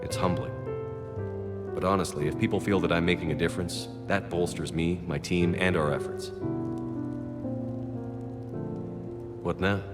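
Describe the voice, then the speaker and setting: An actor playing a steady, earnest military commander in a space video game, talking plainly and with composure. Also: male voice, low voice, a little fast, close to an everyday voice. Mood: earnest, humble. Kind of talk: game dialogue acting. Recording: echoing hall, music behind.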